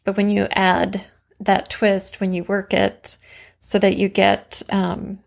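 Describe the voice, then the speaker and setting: Gravelly-voiced woman podcast co-host. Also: mid-range voice, monotone, slow pace. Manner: thoughtful, explains with examples. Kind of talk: casual craft discussion.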